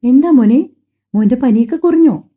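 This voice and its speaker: A woman voicing a gentle, timid young wife who speaks softly and hesitantly, in an audio drama on slightly dull lo-fi audio. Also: high voice, animated, moderate pace. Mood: tender. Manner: soft, hesitant, deferential.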